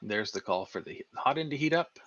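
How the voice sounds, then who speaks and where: A man's voice: medium pitch, animated, quick pace, a bit bright, no echo. A man co-hosting a casual live stream, making dry jokes and reading out chat comments. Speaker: livestream co-host. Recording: dull lo-fi stream audio.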